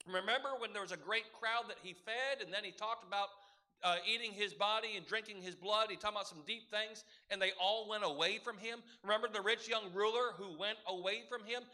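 High, bright-voiced man preaching a sermon. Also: a little fast. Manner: earnest, rhetorical questions to the congregation. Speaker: pastor.

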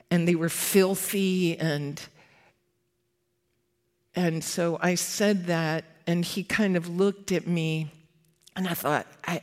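A ministry worker giving an update, telling a personal faith story in an earnest, reflective way. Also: medium pitch.

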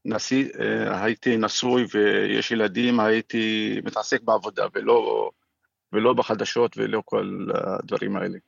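A middle-aged man from Gaza with an Israeli accent and a gravelly voice, answering interview questions haltingly over the phone. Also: on the low side, flat delivery, no echo. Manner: halting, searching for words. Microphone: phone call. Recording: muffled, dull phone line.

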